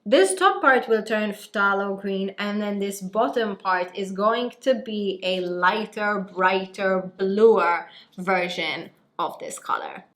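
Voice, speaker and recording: A woman's voice: mid-range voice, slow pace, fairly bright tone. A woman from Malta with a Maltese accent, chatting expressively and emphatically as a beauty vlogger giving a tutorial. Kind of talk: chatty hair-dye tutorial vlog. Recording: music behind the voice.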